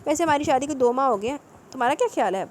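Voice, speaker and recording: A woman's voice: sits high, expressive, darkish tone, a little hiss or hum. A woman voicing a playful, affectionate young husband in a romance reading. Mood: teasing. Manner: playful, teasing.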